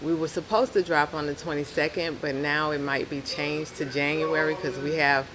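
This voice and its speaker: A rapper from New Orleans, Louisiana, talks casually and easily as a podcast guest in the local accent. Her voice is low and steady at a moderate pace, and the poor audio carries a crowd behind her.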